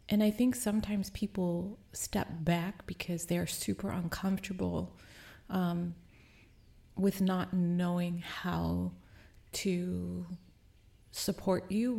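A woman hosting a podcast, talking alone in a slow, hesitant, reflective way and often sinking into a whisper, with a low morning voice. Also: vocal fry, dark tone. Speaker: podcast host. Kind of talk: casual reflective monologue.

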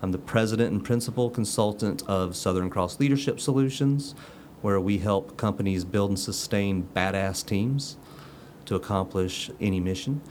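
A man's voice: lowish voice, moderate pace, a little mellow, a little hiss or hum. A man hosting a casual chat show, joking and rambling with fillers. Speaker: host.

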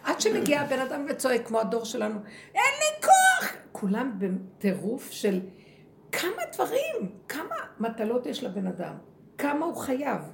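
A woman teaching a spiritual lesson to a women's group, animated and acting out quoted speech. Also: a little high, vocal fry. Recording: echoey room with faint ambient noise.

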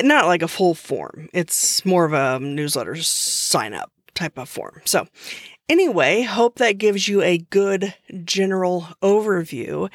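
A woman hosting her own podcast talks through a subject in a relaxed, unscripted way, often restarting a sentence as she goes. Her delivery is slow and easygoing. The sound is dry and close, with no room echo. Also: fairly low pitch. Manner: chatty, restarts often, uses fillers. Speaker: podcast host. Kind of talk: casual solo podcast explainer.

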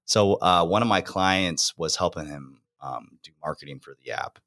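A man's voice: low-pitched, moderate pace, fairly bright tone. A young man hosting a fitness podcast in casual, slangy chat, laughing often. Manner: laid-back, laughing, slangy.

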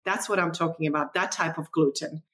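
A woman with a low, steady, fairly bright voice speaks a little fast. She's a nutritionist guest from the former Czechoslovakia, telling stories in a chatty, enthusiastic way with non-native phrasing, in casual conversational storytelling.

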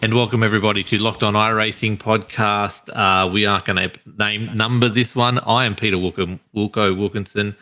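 Tired, deep man hosting. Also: steady tone, fairly quick, few pauses, bright, forceful tone. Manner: stumbling over words. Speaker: podcast host. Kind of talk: casual podcast chat.

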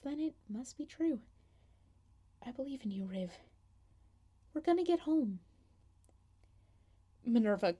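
An anguished guardian of realities , played by a woman, pleads and stammers through a one-voice audio drama. The voice sits high yet soft and mellow, often sinking into hushed whispers. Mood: reassuring, urgent. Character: anguished guardian who returns lost people home.

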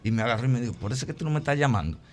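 A middle-aged man, a radio co-host telling an animated anecdote in casual chat and acting out the voices in it. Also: mid-range voice, racing, background noise. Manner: animated, acts out quoted lines, laughs while telling.

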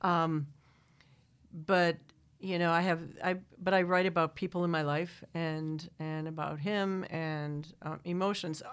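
A woman's voice: lowish voice, fairly even intonation, unhurried, clean tone. A middle-aged woman from Wisconsin with a Wisconsin accent, chatting as a guest in an interview, talking in long restarting runs and laughing often. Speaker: singer-songwriter guest. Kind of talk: casual interview chat. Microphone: studio microphone.

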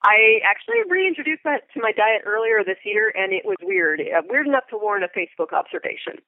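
Speaking quickly and animatedly at medium pitch, a middle-aged American woman who works as a theater Foley artist chats as an interview guest. She's articulate and wordy, reaching for vivid examples. The band-limited phone-like line has no room sound.

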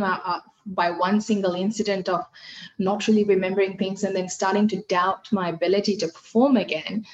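In a mid-range voice, with the highs cut off in the audio, a middle-aged Fijian woman talks as a podcast guest. Her first language is Hindi, and the casual interview chat is lively, packed with fillers and restarts.

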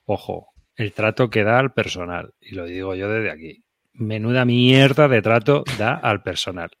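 Low-voiced blunt Spanish man ranting. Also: normal speed. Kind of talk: casual chat.

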